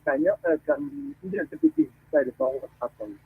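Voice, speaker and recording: A man with a Nigerian Igbo accent talking casually on a radio show, switching between English and Igbo in a lively, expressive way. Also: on the high side, quick pace, vocal fry, breathy edge, no room sound. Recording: tinny phone-line radio audio.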